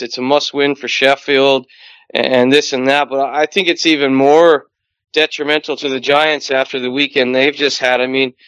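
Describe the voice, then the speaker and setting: A man with a Canadian accent, a hockey commentator, talking through the league in a quick, rambling way with many fillers. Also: fairly high pitch, fairly bright tone, clear, resonant tone, dry recording. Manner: fast, rambling analysis with fillers. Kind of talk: casual sports chat.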